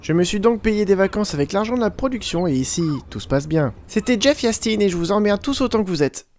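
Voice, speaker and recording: A man's voice: high voice, lively intonation, brisk, darkish tone, a little hiss or hum, voice pushed up. A man voicing a lazy, rude male field reporter who speaks insolently and crudely.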